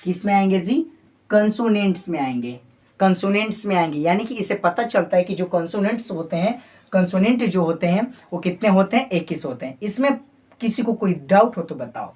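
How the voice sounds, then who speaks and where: A man's voice: high voice, expressive, a little fast, a little mellow. A male English teacher giving a Hindi-language lesson, drilling letters by repeating them and prompting the class with rhetorical questions.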